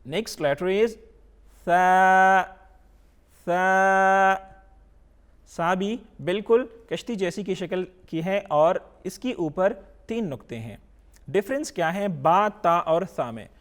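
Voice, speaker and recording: A man's voice: high voice, lively intonation, a little slow. A man teaching a Quran reading lesson, asking questions and answering them himself, drawing out each letter as he recites it. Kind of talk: slow teaching lesson with call-and-repeat recitation.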